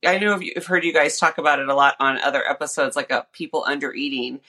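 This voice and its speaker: Brief: lower-pitched woman, bright tense tone, casual guest coach with lots of fillers. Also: fairly even intonation, fast. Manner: chatty, lots of "like" and "you know" fillers. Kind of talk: casual podcast chat.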